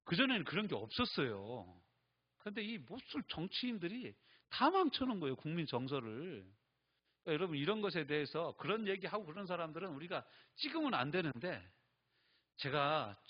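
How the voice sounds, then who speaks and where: Husky-voiced pastor, animated conversational sermon. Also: male voice, on the high side, a little fast, muffled recording. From Chungcheong, Korea. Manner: conversational, rhetorical questions, emphatic.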